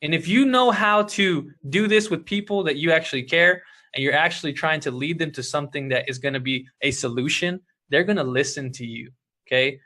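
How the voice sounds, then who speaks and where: A man coaching his team in an emphatic, energetic way, often saying "look" and "okay". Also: fairly high pitch, brisk. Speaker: team leader coaching members. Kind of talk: motivational sales coaching talk.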